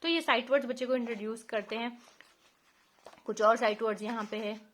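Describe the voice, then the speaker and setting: Indian woman in her 30s, higher voice, patient teaching walkthrough, sounds out letters. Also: fairly even intonation. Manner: explains patiently, spells out letter sounds slowly. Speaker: parent reviewing a phonics book.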